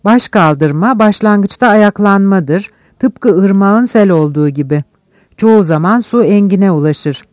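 Guy with a high voice doing audiobook narration, slow measured phrasing, dry close mic. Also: darkish tone, dry recording. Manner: measured, declamatory reading in short phrases. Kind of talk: scripted literary narration.

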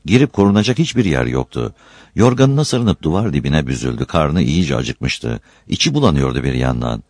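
Deep-voiced man reading a novel. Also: moderate pace, no room sound, studio quality. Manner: expressive storytelling. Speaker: narrator.

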